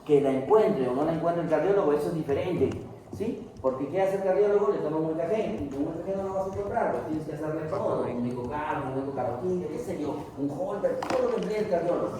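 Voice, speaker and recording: A man giving a recorded medical lecture, asking and answering his own questions in an animated way. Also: fairly high pitch, fast, crowd noise. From Peru. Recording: echoey room, distant mic, faint noise.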